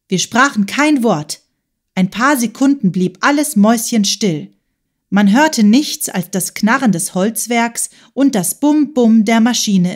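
Casting: Hörbuchsprecherin, ruhige, erzählende Kinderbuch-Lesung. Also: female voice, mid-range voice. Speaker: audiobook narrator. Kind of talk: scripted narration of a children's audiobook.

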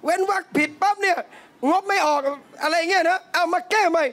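High-voiced man preaching a lively sermon. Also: a little fast. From southern Thailand. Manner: animated storytelling, addresses listeners as brothers and sisters. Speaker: Islamic preacher. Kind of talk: lively sermon to a live audience. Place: cafe hall, live talk.

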